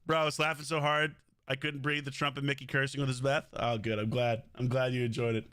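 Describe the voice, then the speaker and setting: Male streamer, excitable and profane, high and bright voice, close dry mic, casual banter with chat. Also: quick pace, clear, resonant tone, dry recording. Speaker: game streamer.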